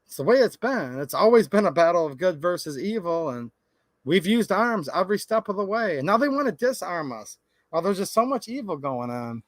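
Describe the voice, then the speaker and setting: A livestream host with a high voice talks a little fast, his pitch swinging widely, in an echo-free home studio recording. Passionate and folksy, he chats casually with viewers, reads their comments, and speaks right to them.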